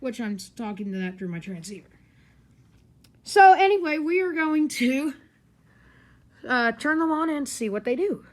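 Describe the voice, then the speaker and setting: A woman with a somewhat high, animated voice speaks at normal speed and pauses often. As a gadget reviewer, she demonstrates a device hands-on, informally and ramblingly, in her carpeted living room. She is off screen, recorded on a handheld camera or phone.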